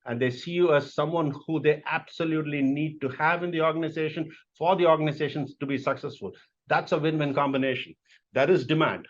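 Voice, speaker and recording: A man's voice: on the high side, a little fast, highs cut off. A middle-aged man from India, a corporate executive answering interview questions in an emphatic, motivational way.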